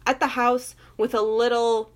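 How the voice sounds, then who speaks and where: A young woman with a Moroccan family background, chatting casually and telling animated personal stories, full of fillers and laughter. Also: fairly high pitch, a little slow. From Moroccan family, grew up in an English-speaking country. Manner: animated storytelling, lots of fillers, laughs often. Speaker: guest. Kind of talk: casual chat.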